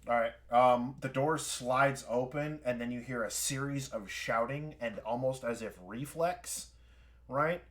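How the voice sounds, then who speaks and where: Streaming from home, a man runs a tabletop game as game master, speaking a little slowly in a medium-pitched, fairly bright voice. He narrates each scene in a wandering way, full of fillers and restarts.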